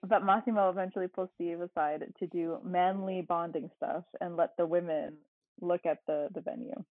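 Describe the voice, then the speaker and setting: A woman's voice: on the low side, steady tone, normal speed, no room sound. A woman co-hosting a podcast, casually recapping a movie plot with dry asides. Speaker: podcast co-host. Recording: tinny phone-like line.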